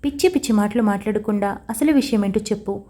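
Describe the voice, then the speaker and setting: A woman's voice: mid-range voice, fast talker, mellow, natural voice. A woman reading the lines of a stern, blunt young husband in an audio story, demanding answers directly.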